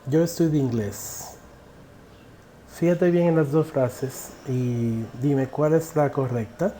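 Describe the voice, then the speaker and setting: A man teaching an English grammar class in a recorded online lesson. He asks the viewer questions and then says each English example sentence slowly and carefully. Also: mid-range voice, mellow, a little hiss or hum.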